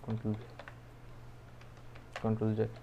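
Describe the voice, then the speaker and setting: A man's voice: fairly low pitch, completely flat delivery, creaky, lo-fi sound, slight background noise. Man tutoring code, thinking aloud. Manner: unhurried, thinking aloud with many fillers and checks. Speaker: programming tutor. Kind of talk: casual screen-recorded coding tutorial.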